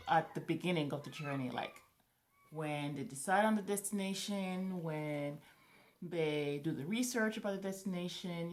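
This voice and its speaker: A woman's voice: lowish voice, a little hiss or hum. A woman in her thirties, raised in Morocco and a native French speaker, chatting casually to camera as a vlogger and thinking aloud with restarts.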